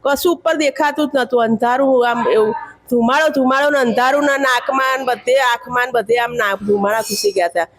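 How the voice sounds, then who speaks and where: A middle-aged woman cook speaks in a high voice, earnest and plain-spoken. She sounds aggrieved as she tells what she witnessed, in simple direct words. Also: steady tone, fairly quick. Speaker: mess cook, crash witness. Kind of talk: emotional eyewitness account.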